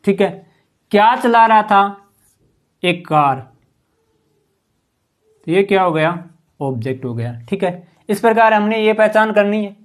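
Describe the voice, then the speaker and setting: A man's voice: sits high, expressive, unhurried, long pauses. A man teaching English grammar in a classroom-style lesson, patiently quizzing his listeners with rhetorical questions. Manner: patient, keeps asking the class rhetorical questions and saying "ठीक है".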